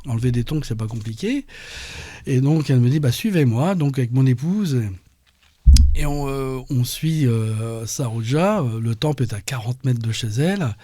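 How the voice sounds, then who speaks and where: Homme au timbre sombre, récit hésitant. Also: male voice, medium pitch, animated, warm tone, dry recording. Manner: halting storytelling with many restarts. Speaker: interview guest. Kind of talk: personal testimony.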